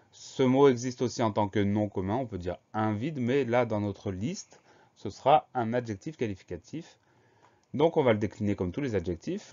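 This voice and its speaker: Low, mellow man spelling words slowly. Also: lo-fi sound. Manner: slow, spells words letter by letter. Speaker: teacher. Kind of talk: spelling lesson.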